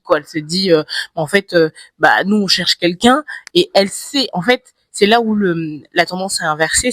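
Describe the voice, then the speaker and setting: A woman's voice: on the low side, a bit bright, no echo. A woman hosting a podcast, chatting with her guest, agreeing often and laughing easily. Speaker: podcast host. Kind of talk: casual conversational interview.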